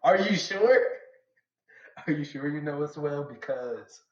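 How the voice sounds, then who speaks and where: A man's voice: on the high side, expressive, measured pace. A young man from Atlanta in the US, streaming live and chatting casually with his viewers in a slangy, rambling way. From Atlanta, USA. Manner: slangy, rambling and chatty, talks back to chat. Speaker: live streamer reacting to manga. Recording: roomy, slightly dull home setup.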